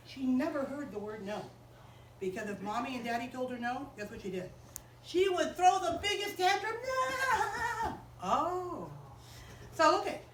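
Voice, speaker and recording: Animated woman telling children a story. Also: high voice, roomy sound, far from the mic, a little hiss or hum, rough recording. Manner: animated, asks the children questions. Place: chapel room.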